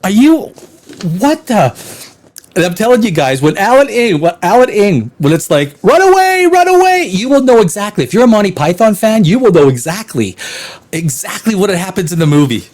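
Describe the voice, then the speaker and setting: A man's voice: high-pitched, lively intonation, fairly quick, darkish tone. A man hosting a blunt, sarcastic movie review, laughing often as he rants. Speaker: film critic host.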